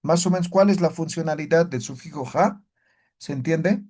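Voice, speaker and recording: A man teaches an online Aymara class, frequently checking in with "¿ya?" and "¿no ve?". He's animated, exaggerating rises and falls to demonstrate, with a slightly high voice at a moderate pace.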